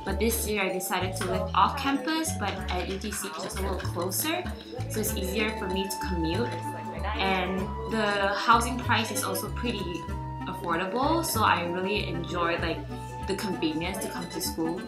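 A woman's voice: medium pitch, normal speed. A young woman from Malaysia, chatting casually as a dance student, with lots of "like" fillers. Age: young adult. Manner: chatty, uses many fillers. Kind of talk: casual documentary talk. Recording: echoey, with music underneath.

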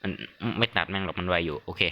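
A young man commentating his game at home, loud, excitable and crude, yelping at every surprise. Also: sits low, fast, rough recording. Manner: loud, excitable, crude joking with frequent yelps. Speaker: gaming YouTuber. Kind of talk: Thai let's-play commentary. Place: home room during heavy rain. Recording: rain noise clearly audible behind voice.

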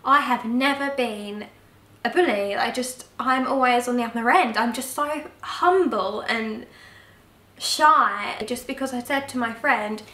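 A young woman telling a personal story in a casual vlog, frank and expressive, swearing now and then. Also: a little high, measured pace. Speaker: vlogger. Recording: roomy, mic at a distance.

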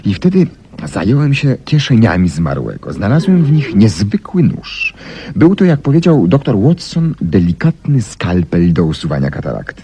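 In a 1970s Polish radio drama, a man with a low, mellow voice plays a brilliant, self-assured master detective explaining his deductions. His delivery is theatrical and sing-song, assured, with big pitch swings and deliberate pauses, on a slightly noisy old recording.

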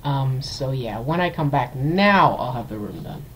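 A man's voice: mid-range voice, lively intonation, measured pace, fairly bright tone, a little hiss or hum, poor audio. A man hosting a gameplay video, giving casual let's-play commentary in a rambling way, full of fillers and restarted sentences, into a desktop computer mic.

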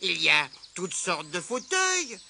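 A man's voice: high voice, wildly swooping pitch, slow, gravelly, pushed and bright, a little hiss or hum, full character voice. A man voicing a cheerful little female magic spider in a storybook, chirpy and eager. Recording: music playing behind.

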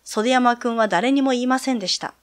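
A woman reading aloud as a male high school student who calmly tells a ghost story from a sound novel. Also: a little fast, lightly acted. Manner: calm, storytelling.

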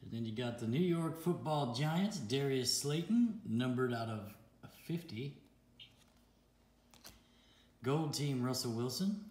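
A man's voice: mid-range voice, animated, takes it slowly, long pauses, darkish tone. A man hosting a casual card unboxing, reading out each card and laughing often. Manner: chatty, laughs often, reads out card names. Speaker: card-opening channel host. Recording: roomy echo with faint noise.

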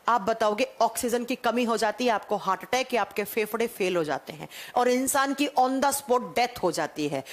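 A woman teacher giving a class to children. She explains step by step and asks questions, then answers them herself. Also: fairly high pitch. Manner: addresses students as children. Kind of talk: live online class lecture.

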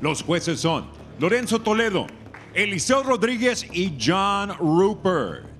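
A man working as a ring announcer in a dramatic lucha libre style, switching between two languages in a booming voice and stretching out names. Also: big pitch swings, unhurried, slight background noise. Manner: alternates Spanish and English. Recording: loud music behind. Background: music.

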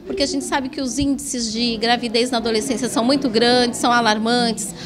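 A woman's voice: a little high, steady tone, a little fast, crowd noise. A middle-aged woman, a health worker, explaining a program in an interview in a classroom, often ending with a questioning tag. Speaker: health worker giving a talk. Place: classroom with projector.

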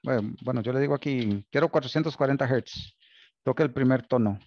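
A Costa Rican man gives a recorded online university lecture, thinking aloud, restarting phrases, and frequently checking in with "¿Ok?". His medium-pitched, darkish voice moves fairly quickly, and the audio sounds dull.

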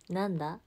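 A woman's voice: lowish voice, husky. Giggly young woman with a lilt. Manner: chatty and giggly, drifting between soft murmurs and brighter exclamations. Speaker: idol livestreamer. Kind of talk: casual livestream chat, reading viewer comments.

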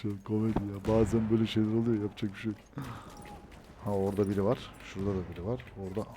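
On the low side and flat in delivery, a gameplay streamer mutters quick casual commentary, occasionally exploding into frustrated swearing. Gunfire from the game and a noisy background fill the clip.

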